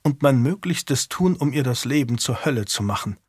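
A man reading an audiobook voices a grieving older noble widow, speaking quietly and sadly. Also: mid-range voice, lively intonation, moderate pace, husky, dry recording, studio quality. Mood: melancholy.

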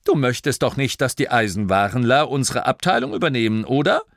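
A man's voice: medium pitch, sing-song, a little fast, fairly bright tone, no echo, pitched above the performer's own voice. Guy doing a moody proud gnome duke, growly and sarcastic, storybook, dry close sound. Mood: pompous.

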